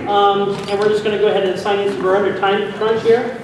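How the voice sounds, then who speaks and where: A man with a high, level voice speaks quickly to an audience, giving informal live instructions as a presenter directing an audio drama recording. He is in a large convention hall, and the recording is distant and echoey, with noisy room ambience.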